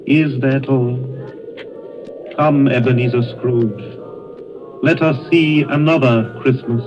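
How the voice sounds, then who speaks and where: An actor playing a solemn, commanding ghost in 1930s radio drama style, speaking formally and putting measured, stern questions. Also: male voice, mid-range voice, fairly even intonation, over loud music, natural voice. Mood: calm probing. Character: solemn, commanding male ghost spirit, calm and probing. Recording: noisy, dull vintage radio broadcast.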